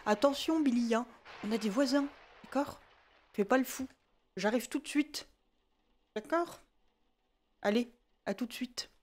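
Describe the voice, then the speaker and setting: A woman's voice: a little high, darkish tone, a little hiss or hum, lightly acted. Woman playing an exasperated scolding mom. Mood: teasing, fond. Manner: scolding, peppered with "hein" and mild swearing. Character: exasperated mother scolding her unruly little son. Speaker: gaming video creator. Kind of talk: comic game role-play.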